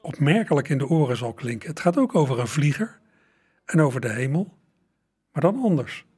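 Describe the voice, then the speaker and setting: Husky man presenting old records. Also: fairly high pitch, big pitch swings, fairly quick, dark tone. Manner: chatty, addresses listener directly. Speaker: radio presenter. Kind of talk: talking to listeners about old records.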